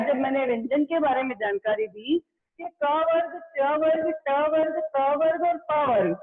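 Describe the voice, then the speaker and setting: A woman teacher giving an online grammar lesson, explaining slowly and repeating key points to her students. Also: high voice. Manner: slow, repeating explanations, addressing students as beta. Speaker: school teacher. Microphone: blackboard class recorded. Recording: tinny phone-like sound with crowd noise.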